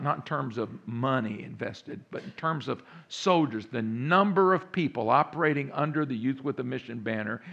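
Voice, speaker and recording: A man's voice: medium pitch, creaky, a bit bright, dull audio. A man with a Texas accent, a pastor from Central Texas delivering a sermon in a folksy, storytelling way with rising emphasis.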